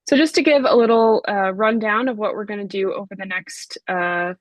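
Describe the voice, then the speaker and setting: A woman moderating an online talk, introducing speakers in a measured way with frequent fillers. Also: mid-range voice, no room sound. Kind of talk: webinar introduction. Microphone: video call.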